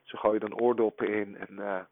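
A man in his forties leaving a rambling voicemail, played back over a phone line, talking haltingly with many hesitations. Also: fairly low pitch, little pitch movement, no echo. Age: 40s. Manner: halting, full of hesitations and filler sounds. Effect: voicemail message played over a phone line. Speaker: podcast co-host.

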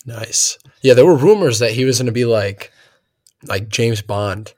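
A man's voice: medium pitch, lively intonation, a little slow, dark tone, no room sound, studio quality. A young man hosting a casual gaming podcast, rambling and laid-back, laughing often as he talks. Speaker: podcast host.

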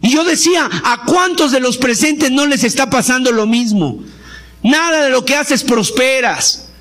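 A man preaching a sermon, impassioned, acting out prayers and rising to shouts during pleas. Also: extremely high pitch, expressive, unhurried. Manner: acts out prayers and quoted pleas.

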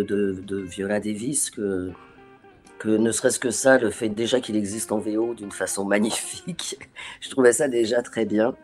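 Animated, hesitant French voice actress. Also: female voice, extremely low pitch. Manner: animated, acts out remembered dialogue; hesitant, with frequent restarts. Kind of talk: interview conversation.

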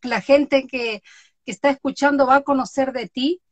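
A high-voiced woman talks casually about the interviews she runs online. She acts out the people she quotes and laughs as she tells stories. The sound is dry and close. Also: steady tone, normal speed, no echo, lo-fi sound. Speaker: interviewer on social media. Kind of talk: casual conversation.

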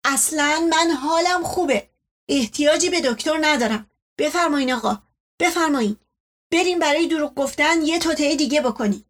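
A woman voicing an irascible, paranoid old family patriarch who shouts accusations. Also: high voice. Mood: indignant.

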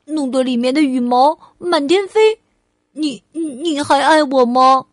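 A woman voicing a curious little girl who keeps asking whether she is still loved, in a raised, louder child voice. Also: a little slow, no echo, clean studio sound. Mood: pleading. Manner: asks questions in a higher, louder child voice.

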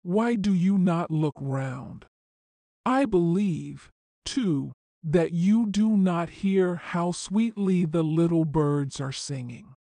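A scheming, hungry wolf from a fairy tale, as a woman reads him, low and coaxing. The delivery is slow and mellow. It is recorded close and dry. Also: expressive, dry recording.

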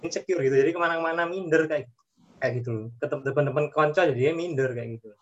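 A man's voice: fairly high pitch, quick pace. A man asking questions in casual chat, a bit hesitant, with restarts. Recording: muffled lo-fi stream audio.

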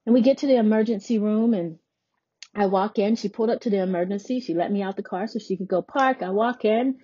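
A woman's voice: medium pitch, fairly quick, mellow, husky, highs cut off. A woman hosting a podcast, earnestly and emphatically retelling a personal experience. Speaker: podcast host. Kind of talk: personal storytelling.

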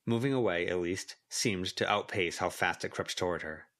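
A volunteer audiobook reader, this man narrates scripted fiction aloud, doing character voices. His voice sits low with a fairly bright tone, and he reads at normal speed.

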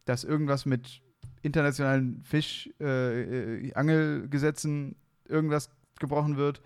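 A man's voice: a little high, steady tone, moderate pace, clean tone. Playful young man from Hesse. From Hesse, Germany. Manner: playful, laughing, restarts a lot. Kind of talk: casual chat.

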